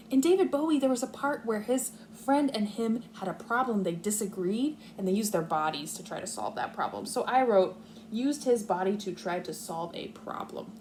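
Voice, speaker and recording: A woman who teaches kindergarten leads young children in a read-aloud, explaining her thoughts step by step in a lively, varied pitch. Faint background noise sits underneath.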